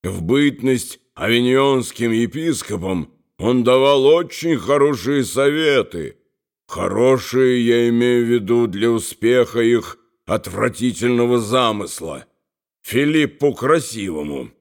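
Male audiobook reader, very slow, steady delivery, mid-pitched voice, even storytelling. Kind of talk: audiobook narration.

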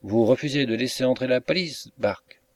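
A man reading an audiobook, voicing a calm, commanding male police inspector. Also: medium pitch, moderate pace, dry recording, voice pushed up, lightly acted. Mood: firm. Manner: steady, commanding.

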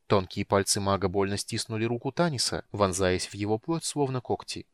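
A man reading fantasy narration in an audiobook with a steady, measured delivery. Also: lowish voice, no echo, studio quality.

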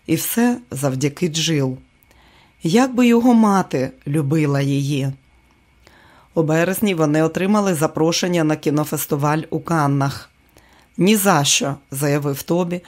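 A man narrating a novel as an audiobook, in a steady storytelling manner. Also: fairly high pitch. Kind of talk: scripted narration.

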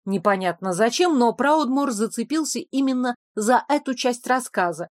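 A woman reads a fantasy romance audiobook in the first person. Her voice is fairly high and her storytelling is steady. The sound is close and dry, with no room echo. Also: moderate pace. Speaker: audiobook narrator.

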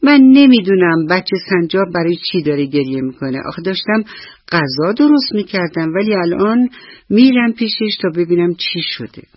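Woman voicing a gentle mother squirrel. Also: fairly low pitch, animated, dry recording, highs cut off. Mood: tender. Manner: tender, coaxing.

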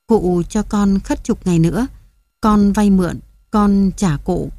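A man's voice: high voice, unhurried, dark tone, no room sound. A woman reading the part of a poor father in debt, pleading and deferential.

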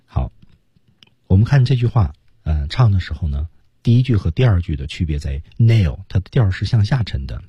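A man teaching English on radio, with a husky, darker voice that sits fairly low but swings widely in pitch. He takes song lines apart word by word, pointing out stress and linking. The recording is close and dry. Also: very animated, a little fast, dark tone, no room sound, muffled recording. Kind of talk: radio lesson on pronunciation and singing.

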